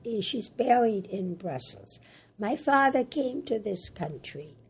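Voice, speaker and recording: An older woman who grew up in Germany, speaking English as a second language, recounts her life in an oral history interview in a raspy, hoarse voice, halting and plain. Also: mid-range voice, very animated, a little mellow. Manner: halting, plain-spoken, repeats words. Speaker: Holocaust survivor interviewee.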